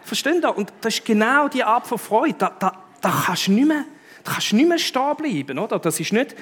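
A middle-aged man with a Swiss German accent preaching a sermon in a lively, conversational way, punctuating his points with emphatic interjections. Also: very high voice, fairly quick, husky. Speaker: pastor.

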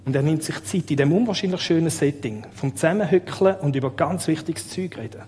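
A man with a Swiss German accent delivers a sermon in a fairly high voice, asking his listeners question after question. His voice rings with a long hall reverb. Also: fairly quick, slight background noise. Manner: lively, asks the audience rhetorical questions. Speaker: preacher.

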